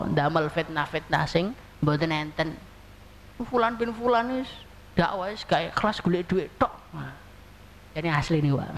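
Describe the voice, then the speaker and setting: A man's voice: very high voice, fairly bright tone. A young man preaching an evening sermon in a mosque, emphatic and putting rhetorical questions to the congregation. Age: young adult. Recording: reverberant mosque hall, faint noise.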